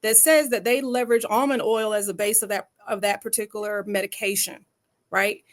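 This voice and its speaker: A woman's voice: medium pitch, fairly even intonation, fairly quick. A woman with a Southern US accent, speaking emphatically as a panelist in a discussion. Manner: emphatic, folksy, uses rhetorical "right?".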